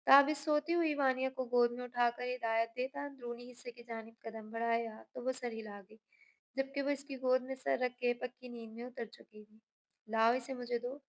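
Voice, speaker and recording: A woman narrating a romance novel in a steady storytelling voice. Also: on the high side, normal speed. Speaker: audiobook narrator.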